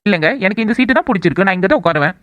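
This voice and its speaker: A woman's voice: mid-range voice, lively intonation, rapid-fire, no echo, close to an everyday voice. A woman voicing a lovestruck young man in a cartoon love story, coaxing and teasing. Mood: playful. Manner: coaxing, playful. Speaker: hero.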